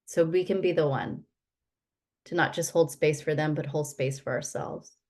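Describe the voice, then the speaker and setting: A woman's voice: low voice, normal speed, darkish tone. A woman hosting a women's sharing circle, affirming each speaker and using spiritual language. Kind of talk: group facilitation.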